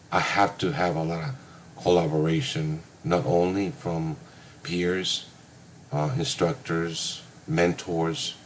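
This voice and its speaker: A man's voice: sits low, slight background noise. A man in his fifties from Hawaii, giving a recorded class reflection with many hesitant filler sounds. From United States (Hawaii). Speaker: graduate student.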